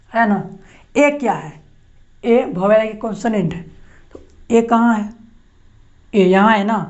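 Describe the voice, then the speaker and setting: A woman's voice: medium pitch, a little mellow. A woman English teacher, explaining a grammar lesson, repeating points and answering her own questions. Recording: dull lo-fi sound.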